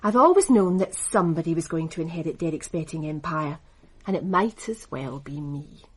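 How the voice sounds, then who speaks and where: Her voice sits low yet carries lively intonation at normal speed. She's an actress in a radio drama playing a poised racing executive who is cool and cutting, speaking in a composed, dry, crisply assured way.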